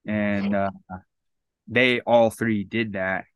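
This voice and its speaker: A thirty-something man on a podcast rambles casually through his story, restarting a lot and dropping "like" constantly. His voice is on the low side yet fairly bright and clean, steady in tone and slow, with no echo.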